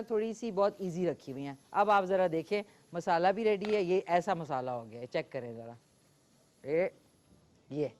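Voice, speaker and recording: Cooking on a live show while fielding calls, a woman speaks with a Pakistani Urdu accent in a mid-range voice with a darkish tone. She's chatty and fills her talk with fillers.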